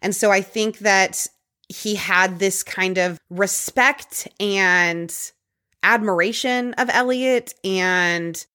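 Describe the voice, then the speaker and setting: A woman hosting a podcast, casually recounting a true-crime case with quick conversational asides. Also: mid-range voice, bright, forceful tone, smooth. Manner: conversational, quick asides, occasional put-on quotes. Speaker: podcast host telling a case.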